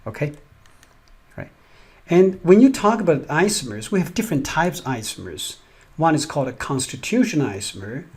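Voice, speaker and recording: Husky-voiced man giving a chemistry lecture. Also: a little high, very animated, normal speed, a little mellow. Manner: explains step by step, often asks "right?". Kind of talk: recorded lecture over slides.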